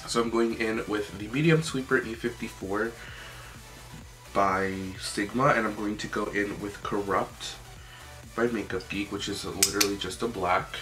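A young man talks through a makeup tutorial in a casual, informal way. His voice sits a little low, and he peppers his talk with "like". Music plays clearly behind him. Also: a bit bright, poor audio. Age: young adult. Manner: chatty, informal, often says "like".

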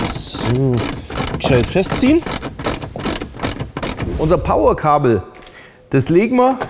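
A middle-aged man works in a workshop while explaining a car audio installation step by step in a casual, plain manner, as a hands-on tutorial. His voice is on the high side and warm.

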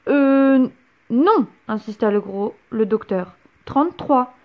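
Stuffy impatient doctor, as a woman reads him, loud and scolding, slow. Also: fairly high pitch, lively intonation. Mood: annoyed. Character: irritable stuffy male doctor.

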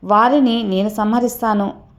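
A woman voicing a calm, stately male god in a devotional story, speaking in a measured, commanding way. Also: a little high, close to an everyday voice.

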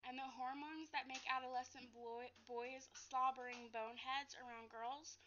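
Seated on a living-room couch, a young adult woman reads a storybook aloud carefully like a teacher, with some stumbles and repeats. Her high-pitched voice is steady and sharp at normal speed. A webcam at short distance captures dull lo-fi audio with a little hiss or hum.

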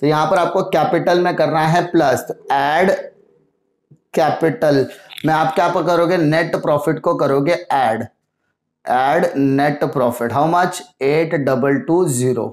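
A man's voice: fairly high pitch, slow. A male commerce teacher explaining an accounting problem step by step, mixing Hindi with English terms and asking and answering his own questions. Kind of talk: accounting lesson. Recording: echoey room sound.

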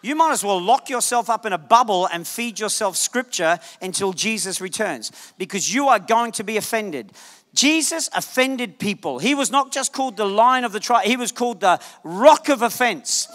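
A man preaching a lively sermon, his voice high and bright as he jokes with the congregation and shouts key points. The sound carries the long reverb of a church sanctuary. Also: normal speed. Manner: animated, jokey, shouts for emphasis. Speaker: guest preacher.

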